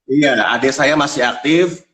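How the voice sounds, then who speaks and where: A man's voice: mid-range voice, unhurried, fairly bright tone. A man hosting a casual, chatty interview. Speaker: interviewer, host.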